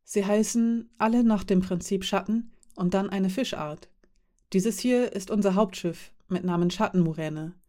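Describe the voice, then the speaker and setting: Woman reading as a calm, friendly half-elf man. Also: mid-range voice, unhurried, natural voice. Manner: calm, explaining, quietly amused.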